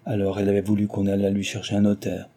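A man voicing a sorrowful actress who speaks softly about a friend's death. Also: fairly low pitch, monotone, fast talker, husky. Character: sorrowful actress, close friend of the dead mother.

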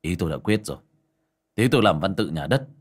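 A man's voice: on the low side, very animated, moderate pace, a bit bright, full character voice. Man playing a haughty, bullying son. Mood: scornful. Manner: scornful, bossy, haughty. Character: spoiled, greedy young man bullying his mother.

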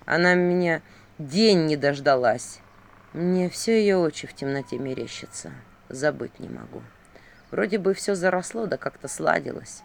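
A brooding, heavy-hearted fairy-tale prince, voiced by a woman reading the tale. He speaks low and slowly, and his tone swings widely between quiet sorrow and sudden outbursts. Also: animated, creaky. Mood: weary. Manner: slow, low, heavy storytelling voice.

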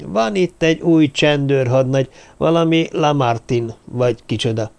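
A man voicing a nervous, hushed little dwarf man who brings bad news, in an audiobook. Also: mid-range voice, vocal fry, smooth, lightly acted. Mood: worried. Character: anxious little dwarf man, the group's talker. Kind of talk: audiobook character voice.

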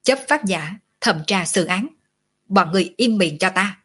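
A woman voicing a harsh male enforcer who shouts threats to silence prisoners. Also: mid-range voice, expressive, a little slow, slightly rough. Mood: threatening. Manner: barking orders, menacing.

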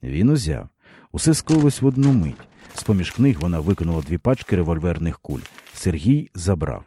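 A man with a very low, dark voice reads a literary story aloud. His delivery is expressive and dramatic, and his intonation rises and falls freely. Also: brisk, a little hiss or hum. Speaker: narrator. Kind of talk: literary audiobook reading.

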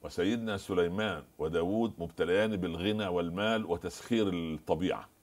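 Fast-talking deep-voiced man preaching. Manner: preaching, quoting scripture and stories. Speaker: religious scholar guest. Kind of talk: studio religious discussion.

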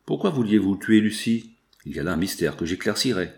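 A man's voice: fairly low pitch, animated, brisk, gravelly, darkish tone. A man voicing a delirious young woman thief who shrills her accusations in an audiobook reading. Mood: frenzied accusing.

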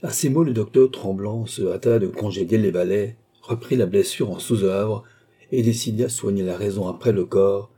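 A man narrates a classic novel for an audiobook. His voice sits low and sounds very dark and mellow, with a husky grain. He keeps a measured, steady storytelling pace.

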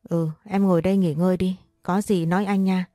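A protective young man from a read-aloud story, calm and soothing, as a woman narrator voices him. The voice sits low and mellow, recorded dry and close. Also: fairly quick, no room sound, lightly acted. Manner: soothing, pleading.

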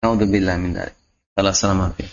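Deep-voiced and fast-talking with a level tone, a religious teacher with an Indonesian accent gives a casual Arabic grammar lesson to his students. He repeats and explains terms, addressing them as "Mas" and "antum," heard through a muffled lo-fi recording.

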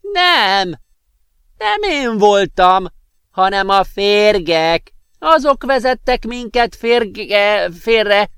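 A man doing a high croaky tipsy old professor. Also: very animated, fairly bright tone, no room sound, clean studio sound, full character voice. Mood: tipsy, jolly. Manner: slow, drawn-out, giggly.

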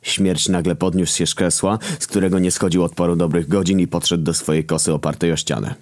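Deep-voiced deadpan male narrator. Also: brisk, no echo. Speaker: story narrator. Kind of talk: scripted dark-comedy narration.

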